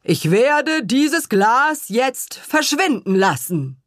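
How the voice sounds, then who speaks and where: A woman's voice: high voice, big pitch swings, no room sound, studio quality, voice pushed up, exaggerated voice. Woman doing a showy magician dad. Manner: slow, grand showman's announcing. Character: boastful cheerful father doing a magic show.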